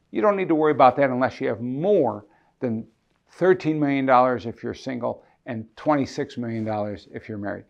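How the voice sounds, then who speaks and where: A man's voice: mid-range voice, gravelly, highs cut off. A man, an estate planning attorney, explaining legal documents to camera. He asks questions and answers them himself, often checking in with "right?".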